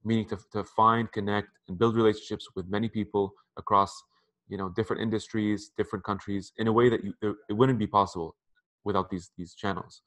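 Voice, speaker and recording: Talking over a video call on headphones from an apartment room beside a window, this thirtysomething interview guest offers casual, conversational advice, repeating words as he goes. He has a lowish, a bit bright voice, brisk, with fairly even intonation.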